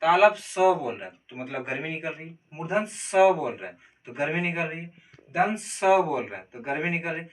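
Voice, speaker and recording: A man's voice: a little high, lively intonation, moderate pace, fairly bright tone. A man teaching a grammar lesson, explaining step by step and calling out letters one at a time. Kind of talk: classroom-style Hindi grammar lesson. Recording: distant mic with faint noise.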